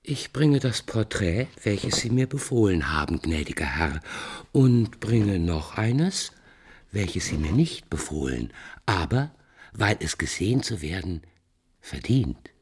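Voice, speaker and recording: An actor playing a deferential, earnest court painter in classical German stage drama, measured and courtly in his delivery. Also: sits low, big pitch swings, husky, full character voice. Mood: courteous.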